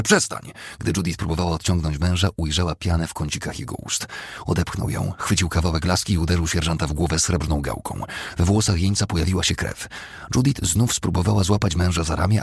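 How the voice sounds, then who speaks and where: A man narrates a novel in a very low, gravelly voice with a husky grain. The reading is steady and dramatic, and the sound is dry and close with no room around it. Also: no room sound. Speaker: audiobook narrator. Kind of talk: scripted narration.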